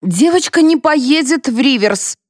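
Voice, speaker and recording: A woman voicing a shrill indignant mother. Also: animated, moderate pace, no echo, clean studio sound. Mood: defiant. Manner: high, sharp and shouting.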